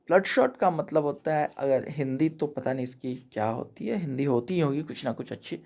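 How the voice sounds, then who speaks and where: A man's voice: a little high, darkish tone. A man from India giving a casual, chatty vocabulary lesson over slides, explaining each word and checking in with "theek hai" after every point. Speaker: English teacher.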